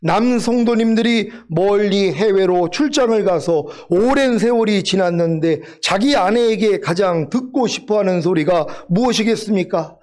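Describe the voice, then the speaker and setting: A man preaches a sermon with earnest exhortation and a playful nudge at his listeners. His voice sits notably high for a man. He talks straight to the congregation as their pastor. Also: normal speed, hardly any pauses, a little mellow.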